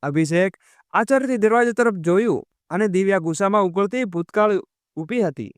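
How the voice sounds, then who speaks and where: A man narrating a moral story at a steady pace and calling his listeners friends. His voice is fairly high for a man and very smooth and clear, recorded close with no room sound. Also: normal speed, no echo.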